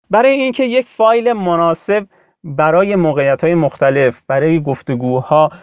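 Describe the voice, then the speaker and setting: A man's voice: a little high, clean tone, dry recording, studio quality. A man teaching an audio lesson, explaining patiently with everyday comparisons and repeating his points. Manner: explains with homely comparisons and repetition. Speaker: instructor.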